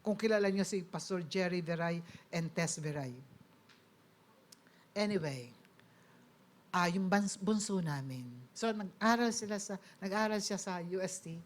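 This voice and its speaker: A woman's voice: on the low side, unhurried, pauses often. A middle-aged woman from the Philippines with a Filipino accent, giving a personal testimony sermon and politely addressing her audience as she mixes in English.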